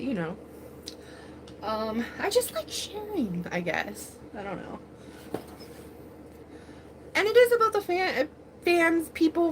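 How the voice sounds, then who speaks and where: A woman's voice: fairly high pitch, slight background noise. A woman in her forties chatting casually on a livestream, rambling with many fillers, laughing often and speaking with open emotion. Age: 40s. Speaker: livestream host.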